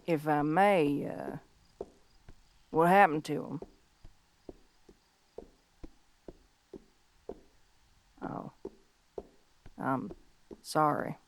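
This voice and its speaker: Woman playing a slow-talking tough tomboy cowgirl. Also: low-pitched, gravelly, exaggerated voice. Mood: gentle, consoling. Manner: tomboyish, folksy Old West talk, halting and heartfelt. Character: tough tomboy cowgirl bounty hunter, tender and earnest. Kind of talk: scripted audio role-play monologue, intimate and slow.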